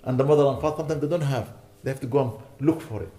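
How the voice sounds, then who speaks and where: A man's voice: medium pitch, rapid-fire, mellow. A man delivering a sermon as a sheikh, urging his listeners with repeated rhetorical questions. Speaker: sheikh giving a lecture. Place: lecture hall.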